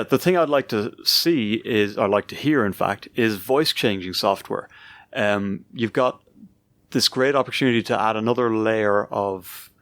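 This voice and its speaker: A man with a lowish voice talks easily on a podcast, thinking out loud with plenty of ums and restarts. The sound is dry and close to the mic. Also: no room sound. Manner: relaxed, thinking aloud with fillers. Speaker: podcast co-host. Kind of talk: casual podcast chat.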